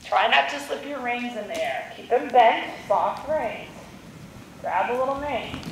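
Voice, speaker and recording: High-pitched woman coaching in an echoey arena. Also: animated, measured pace. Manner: repetitive short commands. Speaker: horse-riding coach. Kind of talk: calling out riding instructions. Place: large indoor riding arena. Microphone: distant camera microphone. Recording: distant, very echoey indoor arena, some noise.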